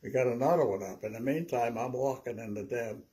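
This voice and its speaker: An elderly man in his nineties with a dark, relaxed voice. He speaks as an old veteran remembering his service, telling stories conversationally. His recollection is halting and wanders, with words often repeated. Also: medium pitch. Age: 90s. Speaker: WWII veteran interviewee. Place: small living room at home, seated.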